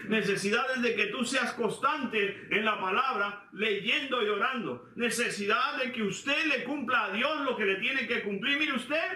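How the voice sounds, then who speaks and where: A man from eastern Cuba with a Cuban accent, preaching a sermon as pastor, asking his listeners questions and swinging between loud and hushed passages. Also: extremely high pitch, a little slow, few pauses. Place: church hall. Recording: echoey church hall, distant mic.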